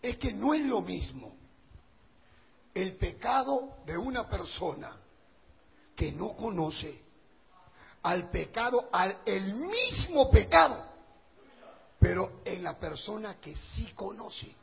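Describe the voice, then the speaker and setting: Raspy high-voiced male pastor preaching. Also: very animated, slow pace, pauses often. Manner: impassioned preaching, swings from quiet to shouting. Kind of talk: sermon. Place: church hall. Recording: dull lo-fi church recording with long reverb.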